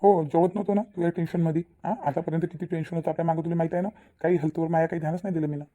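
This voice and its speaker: A woman voicing a cartoon character with rapid, teasing talk. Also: low-pitched, fairly even intonation, dark tone, muffled recording. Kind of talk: Marathi cartoon voice acting.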